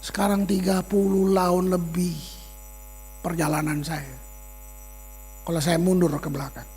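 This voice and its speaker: A middle-aged man from Ambon preaching a sermon, a lively storyteller who slips into casual slang and acts out the voices of people he quotes. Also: high-pitched, husky. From Ambon, Indonesia. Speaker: pastor. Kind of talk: sermon with personal stories.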